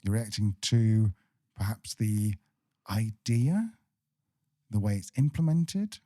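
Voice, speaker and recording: Joking man, mellow voice. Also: on the low side, big pitch swings, slow. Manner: jokey, playfully sarcastic. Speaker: podcast co-host. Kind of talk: casual chat.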